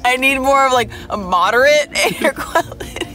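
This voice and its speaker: A woman's voice: high voice, animated, normal speed, sharp tone. A woman in her mid twenties chatting casually on a camping vlog, giggly and mock-serious, recorded outdoors or in a tent. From New York City. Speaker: vlogger. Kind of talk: casual joking vlog chat. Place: outdoors at a festival campsite, often inside a tent. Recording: music behind the voice.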